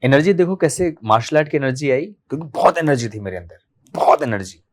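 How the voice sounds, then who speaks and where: A man in his thirties from Delhi, a podcast guest telling his life story in a candid, animated way and acting out remembered dialogue. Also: a little high, a little fast. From Delhi, India. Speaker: podcast guest, martial arts practitioner.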